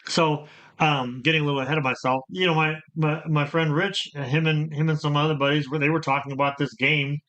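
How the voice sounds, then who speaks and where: A man's voice: fairly high pitch, steady tone, brisk, a bit bright, lo-fi sound. A middle-aged man hosting a casual chat about his gaming past, rambling and repeating words as he tells stories. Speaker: channel host.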